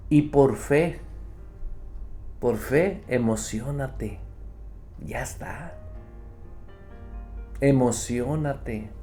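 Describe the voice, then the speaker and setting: A man's voice: medium pitch, mellow. A man preaching a radio sermon as pastor, emphatic, often speaking straight to his listeners as brother. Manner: emphatic preaching, acts out believers' complaints; addresses listeners directly as brother.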